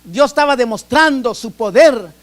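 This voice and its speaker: A man's voice: extremely high pitch, animated, moderate pace. A man from Guatemala with a Guatemalan accent, preaching a sermon in an earnest way, often repeating and restarting phrases. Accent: Guatemalan Spanish.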